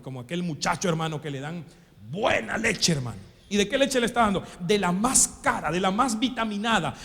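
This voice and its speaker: Nicaraguan male pastor, high-pitched, emphatic sermon delivery, recorded with a long church reverb. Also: fairly bright tone. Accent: Nicaraguan Spanish. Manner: emphatic preaching, keeps addressing the congregation as "brother".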